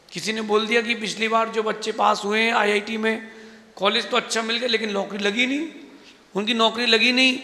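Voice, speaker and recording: High, bright-voiced monk preaching in a hall. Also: male voice, gravelly. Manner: emphatic, rhetorical, preachy. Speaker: Jain monk. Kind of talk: sermon. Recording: echoey hall.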